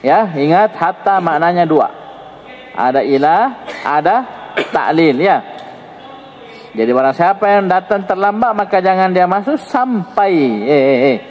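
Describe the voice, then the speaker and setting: A male teacher with an Indonesian accent talks through an Arabic grammar lesson in a fairly high voice. He jokes with the students and moves his pitch up and down to demonstrate intonation. His voice rings with a long reverb, as if he is in a hall. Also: measured pace, pauses often. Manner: lively, joking, swings pitch up and down to show intonation. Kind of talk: classroom lesson explaining grammar.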